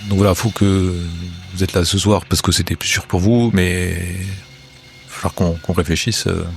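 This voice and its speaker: A man running a tabletop role-playing game, narrating in a halting, improvised way. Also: low voice, little pitch movement, vocal fry, soft background music. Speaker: game master.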